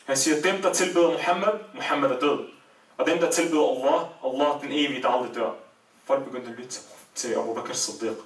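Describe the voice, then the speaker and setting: Man preaching in an echoey hall. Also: mid-range voice. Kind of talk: Islamic sermon storytelling. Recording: echoey room, voice from far off.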